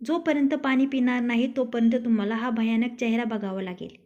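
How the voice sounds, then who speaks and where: A woman voicing a curt, sharp-tongued young wife. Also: fairly high pitch, fairly even intonation, a little fast, natural voice. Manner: curt, scolding. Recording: dull lo-fi recording.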